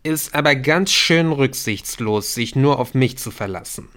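A man reading an audiobook, voicing a grumbling teenage boy with a slow, weak voice. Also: mid-range voice, animated, a bit bright, pitched above the performer's own voice.

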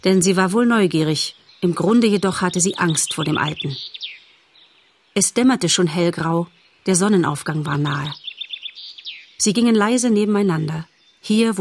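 A woman narrating a children's animal story in a measured, expressive audiobook reading. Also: lowish voice, a little hiss or hum.

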